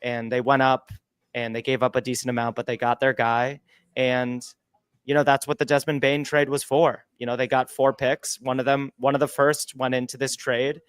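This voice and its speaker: A man's voice: mid-range voice, level tone, normal speed, smooth, no room sound. A man co-hosting a livestreamed podcast, giving upbeat, analytical draft takes into a close microphone. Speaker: podcast co-host.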